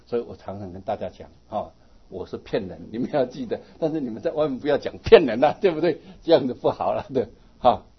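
A man giving a lively Buddhist dharma talk to his students, often asking them "right?" as he teaches. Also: medium pitch, fast talker, breathy edge, dull audio.

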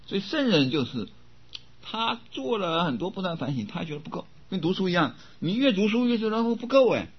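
An older man giving a Buddhist dharma talk as teacher, often coughing and clearing his throat, repeating words as he goes. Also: high voice, very animated, brisk. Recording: dull lo-fi recording.

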